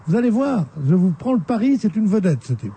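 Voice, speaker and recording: A man's voice: sits high, very animated, fairly quick, warm tone, a little hiss or hum. A man on a radio panel giving strong opinions, stumbling and repeating his words. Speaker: regular panelist. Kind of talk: radio talk show chat. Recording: radio broadcast studio.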